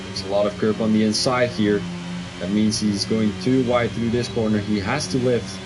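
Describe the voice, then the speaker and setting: The audio is poor as a Belgian man with a fairly low voice commentates a live sim race in Dutch. He's excitable, his Belgian accent is clear, and he's quick to second-guess what he's just called.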